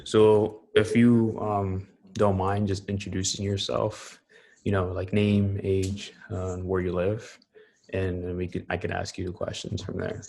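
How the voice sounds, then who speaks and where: A man asking interview questions in a relaxed, slightly hesitant way over a video call. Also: deep voice, measured pace, vocal fry.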